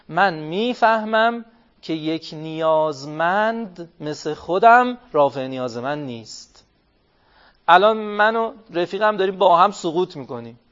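A man giving an interactive religious talk, asking his listeners questions, answering them himself and drawing out key phrases slowly. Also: on the high side, expressive, a bit bright. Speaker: religious speaker. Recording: dull lo-fi recording.

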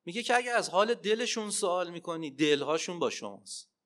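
A man preaching a religious sermon and telling stories, swinging between loud emphatic cries and hushed asides. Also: sits high, lively intonation. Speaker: preacher and Arabic teacher.

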